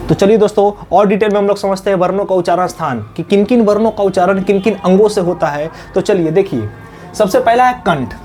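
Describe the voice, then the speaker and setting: A man teaching an exam-prep lesson, asking questions and answering them himself, dropping lower and softer on each repeated answer. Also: brisk, faint music behind. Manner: drops low and soft on the repeated answer.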